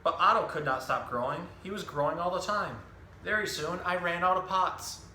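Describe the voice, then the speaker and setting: Here a zookeeper leads a children's storytime, giving casual, simple explanations about animals and reading from a picture book. His high voice sounds bright and forceful at a normal speed. The room echoes noticeably, with some background noise.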